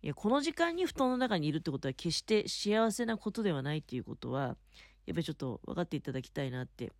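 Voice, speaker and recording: A woman with a slightly low voice and very lively intonation chats casually and solo, like a host talking to regular listeners. She explains things politely and emphatically, recorded close and dry from her bed. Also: fast talker, no room sound. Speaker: podcast host. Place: in bed under a futon at home.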